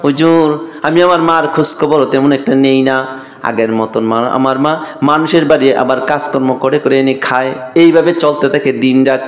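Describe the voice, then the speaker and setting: A man voicing a grief-stricken grown son who tearfully confesses a terrible wrong, his voice pitched high as he pleads. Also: fairly even intonation, normal speed, natural voice. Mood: pleading. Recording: echoey sermon sound.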